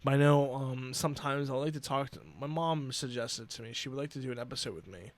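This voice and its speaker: Earnest young man, halting and emotional. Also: medium pitch. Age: 20s. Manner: earnest, halting, with many restarts and "you know". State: emotional, near tears. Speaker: podcast host. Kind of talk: personal solo podcast talk.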